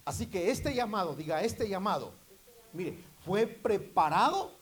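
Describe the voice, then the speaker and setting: A man preaching a sermon to his congregation, repeatedly calling out to them and rising into loud, emphatic bursts. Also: sits high, very animated, a little slow, poor audio.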